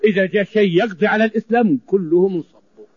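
A male preacher delivers a sermon in a high voice. He drives his points home by repeating phrases. The recording is dry and dull, lo-fi in quality. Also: very fast, slightly rough, no room sound. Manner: emphatic, repeating phrases for stress.

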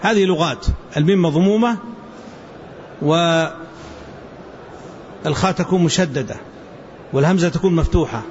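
A man teaching a hadith lesson to students, explaining word forms slowly and repeating them so the class can follow. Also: on the high side, darkish tone. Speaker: religious teacher. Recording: dull lo-fi with faint hiss.

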